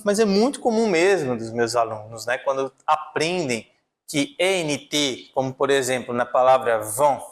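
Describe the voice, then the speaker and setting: A man with a slightly high voice teaches a French pronunciation lesson. He explains each rule step by step, writing on a board as he goes. He keeps checking in with his listeners. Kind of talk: online language lesson.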